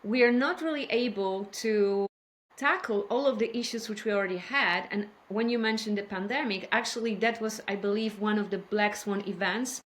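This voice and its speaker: Lady on a podcast, talks slow and careful, lots of uh's. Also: medium pitch. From Poland. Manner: careful, measured, with many fillers. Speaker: podcast guest, healthcare innovation expert. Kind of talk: casual interview talk.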